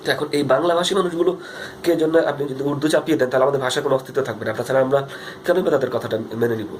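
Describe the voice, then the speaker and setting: A young Bangladeshi vlogger speaks Bengali with a Bangladeshi accent, earnestly addressing his phone's front camera in a casual video diary full of fillers and restarts. His medium-pitched voice stays fairly even and moves very fast, with a little hiss or hum in the audio.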